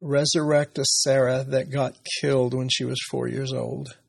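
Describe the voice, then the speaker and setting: Brief: middle-aged male guest, rough husky tone, reflective and halting. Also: medium pitch, level tone. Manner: earnest and reflective, often hesitant. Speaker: interview guest. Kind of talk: personal story in conversation.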